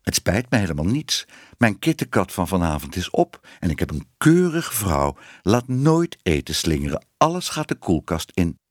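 A man's voice: low voice, very animated, normal speed, darkish tone, dry recording, clean studio sound. Man voicing hissing old cat Tante Moertje. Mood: stern. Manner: hissing, prim and scolding.

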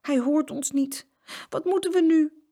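A woman voicing a little girl in a storybook, with a high, small voice. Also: measured pace, mellow. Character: small girl, sleepy and tearful.

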